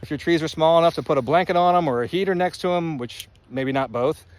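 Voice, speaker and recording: A man's voice: fairly high pitch, fast talker, dry recording. A man who farms an orchard, giving practical, down-to-earth advice on caring for fruit trees while standing outdoors among them. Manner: plain-spoken, down-to-earth. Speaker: orchard farmer.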